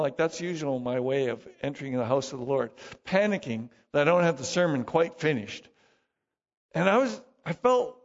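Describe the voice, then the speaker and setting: A man preaching a sermon as pastor, conversational and self-deprecating, full of rhetorical questions. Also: fairly high pitch. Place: church. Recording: dull, reverberant church hall recording.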